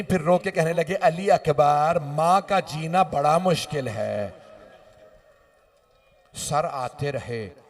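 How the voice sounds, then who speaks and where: High-voiced man preaching a mournful sermon. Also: distant mic. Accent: Pakistani Urdu. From Pakistan. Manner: emotional, wailing recitation of grief, addressing the mourners. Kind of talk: mournful majlis sermon narration. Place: large mourning hall with congregation.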